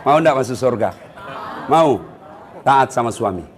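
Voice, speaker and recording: A man's voice: mid-range voice, unhurried, a crowd in the background. A middle-aged man, giving a comedic sermon and teasing the congregation by calling out to them. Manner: animated, teasing, calls out to the audience. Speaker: preacher.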